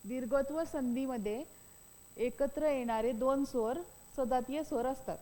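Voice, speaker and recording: A woman's voice: sits high, a little slow, mellow, long reverb tail, rough recording. A woman teaching a grammar lesson, repeating each point and asking questions that she answers herself. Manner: repetitive, asks and answers own questions.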